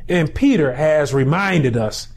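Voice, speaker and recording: Speaking into a lapel mic in a small room, an animated pastor in his forties preaches with a fairly high pitch. Long, slow phrases give way to shouted high points.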